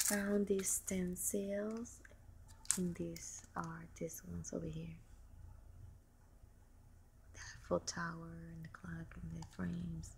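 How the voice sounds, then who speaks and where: A woman talks slowly and softly through a craft haul, with a low voice and plenty of ums. Plastic packaging crinkles and rustles clearly behind her. She is recorded indoors at a table by a camera looking down at her hands. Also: flat delivery, heavy background noise. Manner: soft, unhurried, fond, with many ums and small laughs. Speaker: crafting vlogger showing a shopping haul. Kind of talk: casual show-and-tell. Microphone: camera pointed down at table.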